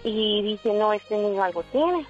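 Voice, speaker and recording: A woman's voice: medium pitch, animated, measured pace, soft background music. Woman in her forties calling in. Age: 40s. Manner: rambling storytelling, quoting dialogue. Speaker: caller. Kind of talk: telling a personal story on the phone. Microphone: telephone. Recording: dull phone line.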